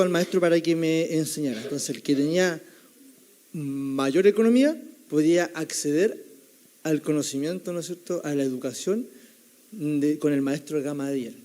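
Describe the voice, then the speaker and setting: A young man preaching a sermon as a theology student, telling the story in a loose, conversational way and often tagging his sentences with a quick question to the listeners. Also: a little high, warm tone. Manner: keeps adding the tag question "right?", storytelling tone.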